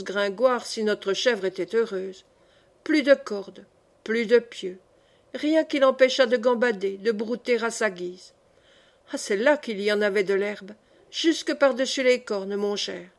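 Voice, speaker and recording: A woman narrates a classic tale in an audiobook voice that sits fairly high. Her reading is expressive and measured, and she lingers over the story's asides to the listener. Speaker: audiobook reader.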